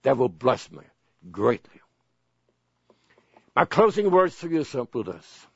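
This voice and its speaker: An older man preaching a sermon as pastor, earnest and pleading, repeating phrases slowly. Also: mid-range voice, big pitch swings, gravelly, breathy edge, dry recording. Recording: dull dry broadcast sound.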